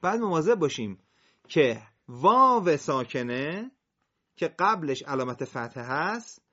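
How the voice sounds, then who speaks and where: A patient recitation teacher whose voice rises and falls a lot as it breaks each word slowly into syllables. The sound is dull and lo-fi, with muffled highs. The teacher slows way down to model each piece, then speeds back up to explain. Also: very animated, fairly bright tone. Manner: patient, spells words out syllable by syllable. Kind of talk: recitation lesson with a student.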